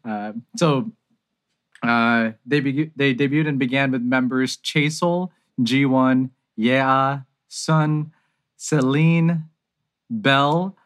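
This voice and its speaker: A man co-hosting a podcast in casual chat, presenting a relaxed, explanatory rundown. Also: medium pitch, takes it slowly.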